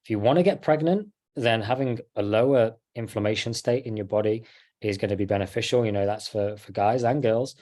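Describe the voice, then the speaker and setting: A man's voice: lowish voice, brisk, a little mellow. A man in casual conversation, explaining health advice in a chatty way with fillers. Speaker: health coach.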